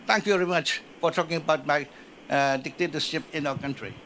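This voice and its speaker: Halting man making a statement. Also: fairly high pitch, a bit bright, a little hiss or hum, poor audio. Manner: halting, repetitive, with frequent fillers. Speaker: audience member giving a statement. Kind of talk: impassioned public comment. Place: conference room.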